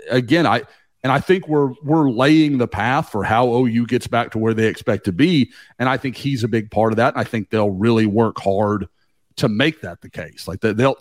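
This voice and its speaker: A man guesting on a sports podcast, talking in a rambling, animated way and swearing casually. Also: lowish voice, no room sound. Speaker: guest, team beat writer.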